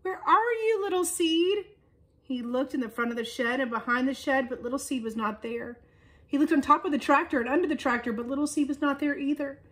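A woman leading children's chapel, reading a children's story aloud with lively storytelling emphasis. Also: high voice, fast talker.

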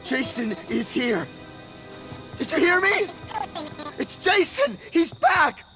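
A man's voice comes through a stuttering voice changer that pushes it very high. He yells frantic warnings as an online game player, with game music behind him. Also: very animated, slow.

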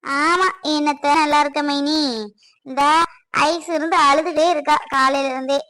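A woman's voice: high-pitched, steady tone, moderate pace, bright, forceful tone, no room sound. A woman playing a protective middle-aged mother who talks in a consoling yet scolding way, in a family skit. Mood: complaining.

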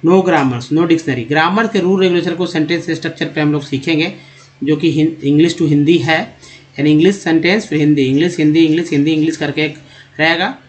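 A man with a Hindi accent teaching English pronunciation in a video lesson, repeating words slowly and calling the viewers friends. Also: on the high side, steady tone.

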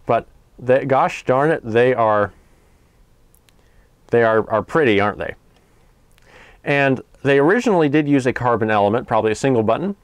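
A man hosting a vintage tech video, talking casually in a relaxed, rambling, wry way, heard through an old carbon microphone in a room at home. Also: medium pitch, moderate pace, long pauses, smooth, no room sound. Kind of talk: casual demo talk. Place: home room with pillow fort. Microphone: 1930s carbon microphone. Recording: hissy vintage carbon mic.

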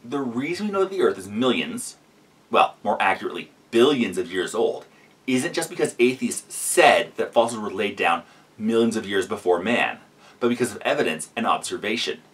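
A man's voice: fairly low pitch, a little fast, recorded from a distance. Sarcastic guy reacting to a video, bouncy voice, sounds a little off-mic. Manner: sarcastic, animated, explanatory. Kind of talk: sarcastic commentary.

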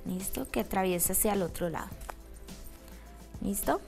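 A woman teaching a step-by-step craft demonstration, checking in often with a quick "ready?" between steps. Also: medium pitch, vocal fry, darkish tone, soft background music. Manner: checks in with a frequent "¿listo?". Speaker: craft instructor.

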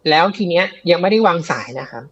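A man's voice: fairly high pitch, lively intonation, quick pace, a bit bright, highs cut off. A man telling a ghost story in a casual, chatty way, with many fillers and repeats, on a live show. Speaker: guest storyteller of ghost stories.

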